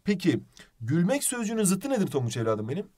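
A male teacher runs a video lesson in a playful, animated way, asking questions as he goes. His voice sits fairly high and moves a lot in pitch. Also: fast.

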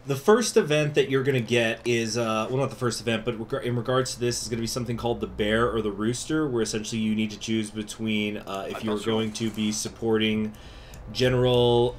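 A man's voice: on the low side, fairly even intonation, brisk, a little hiss or hum. A man speaking through a face mask, giving a chatty, informal strategy game tutorial as the host. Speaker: gaming video host. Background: music.

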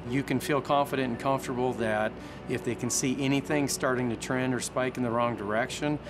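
A man's voice: medium pitch, fairly even intonation, a little fast. Earnest man recalling heart rehab. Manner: earnest, reflective. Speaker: cardiac rehab patient. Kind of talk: documentary interview. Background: background music.

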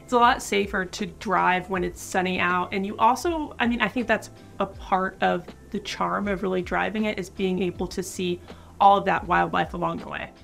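A young woman talking casually to the camera as a vlogger, giving relaxed, informal advice with fillers, seated in a wood-panelled room. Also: medium pitch, moderate pace, gravelly, faint music behind.

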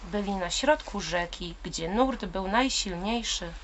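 A woman reading a story aloud to children in slow, expressive, sing-song storytelling. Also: medium pitch. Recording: loud background noise. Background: goat bleating.

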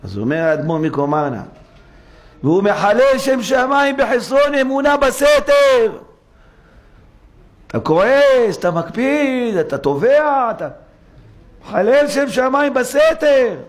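A man's voice: extremely high pitch, sing-song, pauses often. A male rabbi giving a sermon in a synagogue, dramatic, acting out complainers through rhetorical questions. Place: synagogue study hall.

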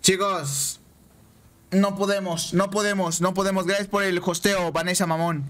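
A Mexican man streaming a game, chatting excitably with viewers and repeating himself. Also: sits high, normal speed. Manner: excitable, repeats phrases, banters with chat. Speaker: gaming streamer. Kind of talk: casual live-stream chat over gameplay.

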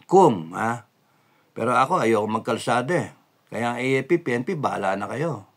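A man's voice: mid-range voice, a bit bright. A man with a Filipino accent giving a fervent political monologue to his viewers, switching between Tagalog and English and repeating slogans. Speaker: vlogger.

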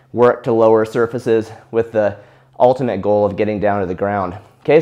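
A young man explaining shoulder exercises in a relaxed coaching tone while he demonstrates them. At times he is out of breath from the exercise. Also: medium pitch. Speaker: physical therapy instructor.

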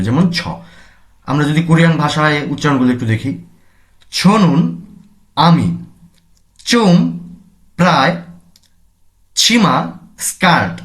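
A man with a somewhat high voice teaches a language class. He moves slowly and patiently, saying each term and then repeating what it means so learners can follow. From Bangladesh. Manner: slow, repeats each word and its meaning. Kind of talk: classroom lesson explanation.

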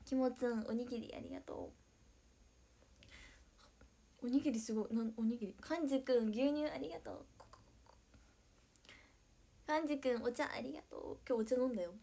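Young woman, high bright voice, bubbly livestream chatter, giggly, reads out viewer comments. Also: a little fast, pauses often. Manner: excitable, giggly, thanks viewers by name. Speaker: idol livestreamer. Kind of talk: casual livestream chat reading viewer comments.

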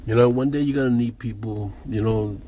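A man's voice: on the low side, a little fast, dark tone, a little hiss or hum. An older man giving a blunt, profane vlog rant while running errands. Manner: blunt, profane, ranting, heated bursts. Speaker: vlogger.

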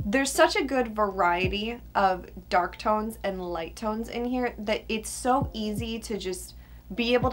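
A young woman talks to camera in a casual, emphatic way, ranking products like a beauty vlogger. Her pitch is average for a woman and her s sounds whistle. There is music behind her in a furnished room. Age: young adult. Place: small furnished room indoors.

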